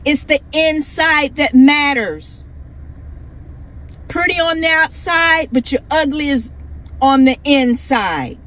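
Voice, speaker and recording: A woman's voice: high voice, a bit bright, rough recording. A woman ranting heatedly to her viewers, scolding and combative, hammering the same points again and again. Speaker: vlogger. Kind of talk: heated rant to camera.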